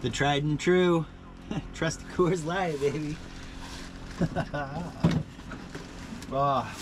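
Talking to the camera at night from inside his small truck camper, a middle-aged man keeps things relaxed and chatty, with frequent laughs and many fillers. He speaks extremely slowly in a fairly high voice over a noisy background.

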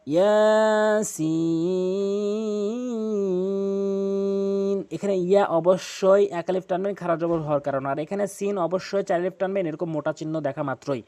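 Male Quran tutor with a high voice, patient and repetitive, chants sample verses slowly. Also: darkish tone. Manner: patient, repetitive explaining with slow chanted recitation examples. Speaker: Quran recitation teacher. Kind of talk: explaining recitation rules to camera.

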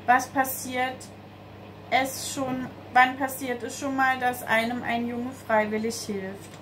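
A woman voicing a cheerful, chatty schoolgirl in a storybook reading, bright and eager. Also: sits high, flat delivery, takes it slowly, slight background noise, poor audio.

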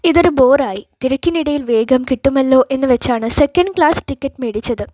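A woman narrating a novel as an audiobook in a calm, measured voice. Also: sits high, no room sound.

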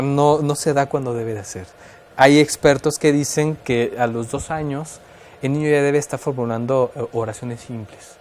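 This radio guest, an expert with a Mexican Spanish accent, discusses child development in a considered way, with fillers and restarts along the way. His voice is medium-pitched and a bit mellow, and there is a slight hiss or hum.

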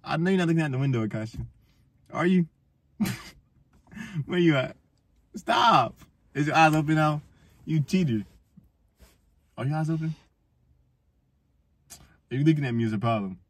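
A man's voice: fairly high pitch, lively intonation, normal speed, long pauses, slightly rough, no room sound. A man hosting a vlog, teasing and rambling jokily through a blindfolded date skit. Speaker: vlog host.

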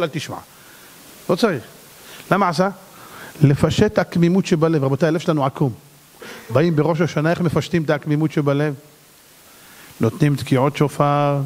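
A man, a rabbi, preaching a dramatic sermon, swinging between loud cries and low asides. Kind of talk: sermon to a congregation. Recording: long hall reverb.

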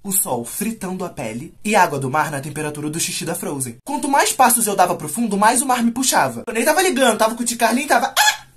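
A man's voice: high-pitched, lively intonation, fast talker, hardly any pauses, husky. A young Brazilian man telling a comic personal story, self-mocking and exaggerated.

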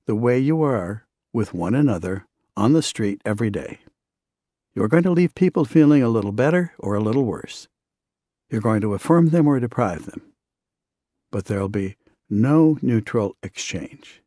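A man delivers a sermon in an earnest, conversational way, weaving in stories as he goes. His voice is low, husky, and warm, recorded close and dry with no echo.

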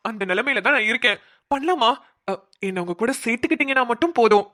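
A poor, humble young man in a homemade cartoon, voiced by a woman. He speaks politely and deferentially, in a voice pitched a little high. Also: expressive, fast talker, bright, forceful tone.

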